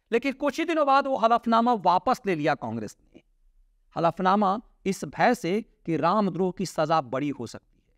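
A middle-aged man hosting a political commentary show, talking emphatically to camera from a studio desk with big swings in pitch and sharp drops at the ends of phrases. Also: no echo. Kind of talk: opinionated news commentary to camera. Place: indoor studio with virtual set. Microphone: lapel mic, seated at desk.

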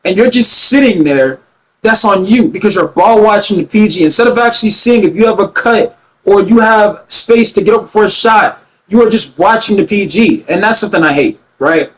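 A young man giving emphatic, ranting commentary on his own basketball video game play, repeating himself and getting loud at big plays. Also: high-pitched, normal speed, poor audio. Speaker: gaming YouTuber commentating his own gameplay.

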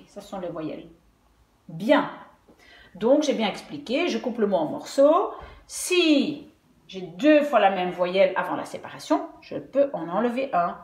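A woman teaching Dutch spelling, patiently sounding out words syllable by syllable. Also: mid-range voice. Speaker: language teacher. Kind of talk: explaining Dutch spelling at a whiteboard. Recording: echoey room.

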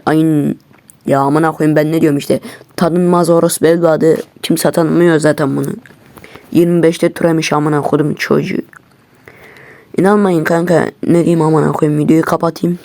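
A man's voice: on the high side, warm tone. A man ranting at his viewers in an agitated, heavily profane way, talking from his computer. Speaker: YouTuber. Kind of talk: angry casual rant to viewers.

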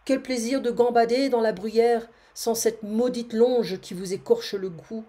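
Storybook role: a restless young she-goat, read by a woman, gentle and wistful, mellow tone. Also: a little high, steady tone, a little slow, close to an everyday voice. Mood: dreamy.

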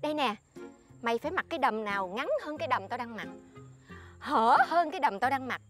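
An actress with a Southern Vietnamese accent playing a bossy, boastful friend who scolds and lectures in a comedy sketch. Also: female voice, fairly high pitch, animated, a little fast, a bit bright, faint music behind.

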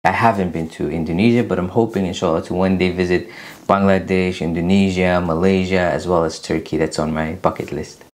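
Vlogger, male, thirties, low-pitched, earnest and halting, seated at a desk camera. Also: fairly even intonation. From Afghanistan. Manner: earnest, many "uh" pauses. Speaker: YouTube channel host. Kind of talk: casual Q&A to camera. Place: small room indoors. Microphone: camera at desk distance, seated.

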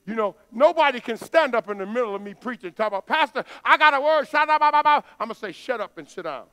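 A middle-aged man preaching in a church, chatty and plain, then building to loud, emphatic outbursts. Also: very high voice, expressive, fast, clean tone. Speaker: pastor. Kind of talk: sermon. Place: church sanctuary stage.

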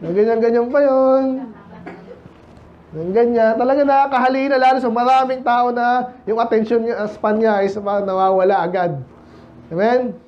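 A man's voice: extremely high pitch, steady tone, normal speed, dull audio, a little hiss or hum. A man preaching a sermon in a conversational way, often asking the congregation questions and quoting English scripture. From Philippines. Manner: mixes English scripture quotes into Tagalog. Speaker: pastor.

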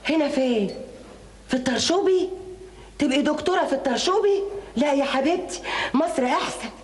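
An actress playing a middle-aged, loving widowed mother with an Egyptian accent, talking warmly and effusively. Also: high-pitched, animated, a little fast. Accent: Egyptian Arabic. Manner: warm, effusive. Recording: roomy, strong music behind.

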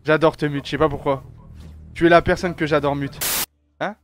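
A man's voice: on the high side, steady tone, brisk. A man hosting a gaming live stream with casual, slangy, joking commentary and some swearing. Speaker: streamer and host.

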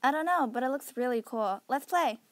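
Woman as very high, excitable teen girl. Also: fairly quick, no room sound. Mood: eager. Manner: exclamatory, whiny. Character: excitable, stubborn, playful teenage girl gamer. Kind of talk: acted cartoon dialogue.

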